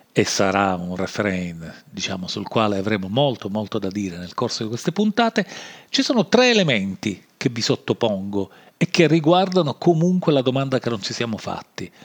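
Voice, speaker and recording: A man with a nasal voice and a Sicilian accent hosts a solo podcast off the cuff, halting and backtracking as he goes. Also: fairly low pitch. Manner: halting, rambling, often backtracking. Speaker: podcast host. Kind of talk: improvised solo podcast monologue. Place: home-made podcast recording.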